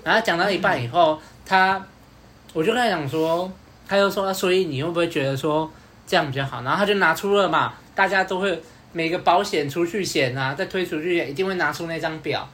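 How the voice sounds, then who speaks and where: A man's voice: a little high, brisk, fairly bright tone, slight background noise. Guy hosting a podcast, chatty storytelling, acts out what people said, repeats words a lot. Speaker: podcast host. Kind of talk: casual storytelling.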